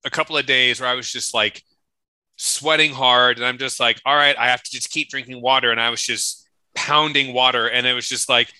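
A man's voice: medium pitch, steady tone, a little fast, bright, forceful tone, no echo. A man chatting casually with friends as co-host of a tasting show, rambling along with slang and swearing. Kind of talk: casual chat among friends.

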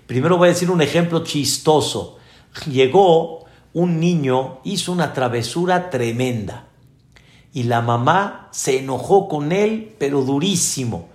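Slow, fairly high rabbi preaching to his congregation, echoey room. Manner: slow, explaining, addresses listeners directly. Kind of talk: sermon.

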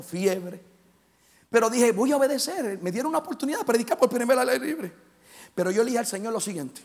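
A middle-aged man preaching a fervent sermon, telling stories and moving between loud and hushed passages. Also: high voice. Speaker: pastor.

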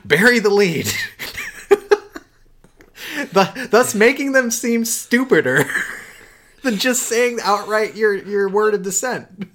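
A man's voice: sits high, animated, takes it slowly, long pauses, a bit bright. A man hosting a casual gaming podcast. He jokes, rambles and swears freely. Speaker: podcast host. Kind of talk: casual chat.

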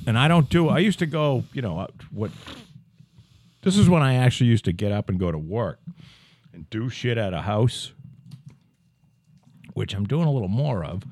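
A man in his fifties co-hosts a podcast in casual chat, rambling, swearing, and letting his sentences trail off. His medium-pitched voice is a little mellow, and there's no room sound at all.

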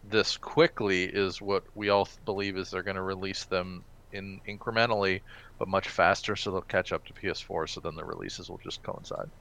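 A man chats casually on a podcast, talking in a relaxed way with some hesitation. His voice sits very low and comes through smooth and resonant. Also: normal speed. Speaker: podcast co-host.

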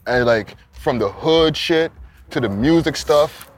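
A man's voice: on the high side, expressive, a little slow. A man hosting a casual, slangy interview. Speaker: host interviewer. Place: outdoors in a neighbourhood. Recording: faint outdoor background noise.

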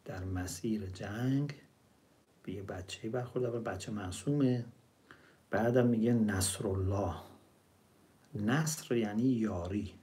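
A man's voice: fairly low pitch, mellow. Man preaching and explaining scripture. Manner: explains word meanings, recites verses slowly. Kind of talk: religious storytelling sermon.

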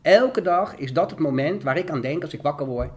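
A man's voice: fairly high pitch, animated. A man from the Netherlands giving an emotional, fervent testimony as an interview guest. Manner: earnest, fervent, fast and repetitive.

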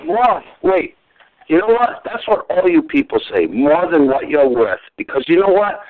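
A man's voice: on the high side, very animated, normal speed, a crowd in the background. Furious man in his forties over a phone line. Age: 40s. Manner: furious, swearing, repeating himself. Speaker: call recipient. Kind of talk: heated phone argument.

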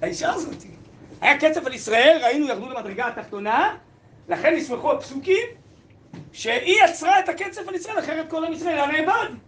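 A man with a very high, lively voice leads a text-study lesson. He reads from the sources, turns them into plain speech and keeps asking the class questions. He sounds roomy and echoey, as if in a classroom. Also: a little hiss or hum. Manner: asks the class questions, translates Aramaic aloud. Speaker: teacher.

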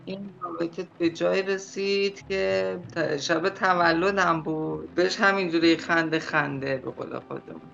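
A woman's voice: lowish voice, fairly even intonation, creaky, fairly bright tone, highs cut off, a little hiss or hum. A woman guest telling a personal story in a casual, chatty way, acting out the lines she quotes.

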